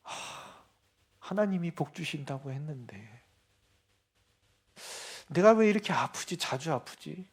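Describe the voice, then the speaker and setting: A male pastor preaching a sermon, asking the congregation rhetorical questions and swinging between soft asides and loud, emphatic declarations. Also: on the high side, lively intonation, slow, long pauses, breathy edge.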